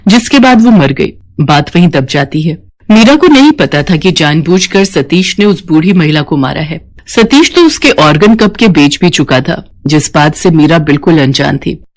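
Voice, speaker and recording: A woman narrating a scripted bedtime story in a calm, measured way. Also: lowish voice.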